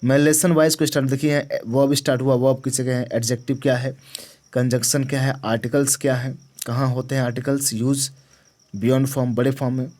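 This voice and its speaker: A man's voice: mid-range voice, flat delivery, fast, a little mellow. A man teaching a grammar lesson, who asks questions and answers them himself, repeats key words and checks that the class understands. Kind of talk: grammar lesson to exam students.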